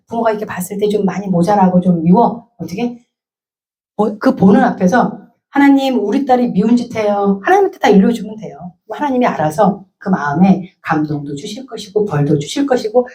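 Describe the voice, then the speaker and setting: A woman from Korea giving a lively church talk, acting out parent and child voices as she speaks. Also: mid-range voice. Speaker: guest speaker at a church service. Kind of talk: sermon-style talk.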